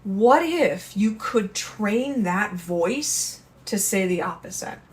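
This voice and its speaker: Speaking slowly and expressively in a mid-range voice, a woman hosts a lifestyle channel. She offers casual advice straight to camera, talking earnestly and conversationally to her viewers about handling stress.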